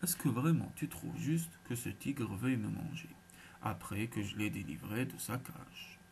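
A man's voice: fairly low pitch, lively intonation, a little slow, creaky, a little mellow, a little hiss or hum. A man voicing an anxious poor male brahmin who pleads urgently. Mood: pleading. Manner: urgent, imploring.

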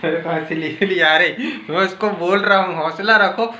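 A man's voice: sits high, steady tone, normal speed, bright, forceful tone, echoey room, a little hiss or hum. A man chatting casually to viewers in a home vlog, filming on his phone in the kitchen. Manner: chatty, addresses viewers as friends. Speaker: vlogger.

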